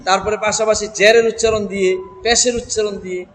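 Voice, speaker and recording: A man's voice: high voice, steady tone, a bit bright. A man teaching Quran reading in a classroom with a Bangladeshi Bengali accent, patiently quizzing students and chanting examples. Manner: patient, questioning drills, chants examples slowly. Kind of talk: classroom recitation lesson. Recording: noisy room recording.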